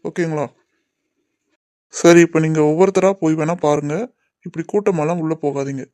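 A man voicing a calm reassuring father. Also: a little high, moderate pace, dry recording, close to an everyday voice. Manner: reassuring, mixes English words. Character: middle-aged father, calm, then worried over lost money. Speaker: doctor and father. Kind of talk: cartoon drama voice acting.

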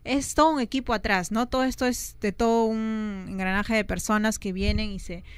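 A woman's voice: medium pitch, steady tone, moderate pace, clear, resonant tone, dry recording. A woman co-hosting a radio show with a Peruvian accent, chatting and reading news with frequent "¿no?" fillers. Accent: Peruvian Spanish. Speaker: radio co-host.

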